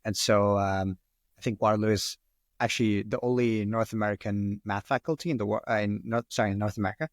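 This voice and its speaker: A podcast guest from Sri Lanka, a man in his twenties whose first language is Arabic, answers questions in a rambling, casual way full of "like" and "um." His lowish voice is brisk with fairly even intonation, recorded at studio quality with no echo.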